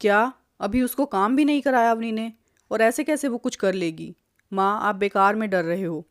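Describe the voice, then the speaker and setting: A woman voicing a rude, bossy young husband who sneers and shouts at his wife. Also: medium pitch, moderate pace, no echo, clean studio sound, lightly acted. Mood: irritated.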